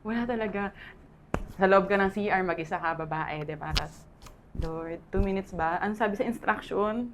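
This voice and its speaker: A woman's voice: medium pitch, fairly quick, noisy background. A Filipino woman in her thirties, candidly sharing a painful personal testimony and laughing often as she talks.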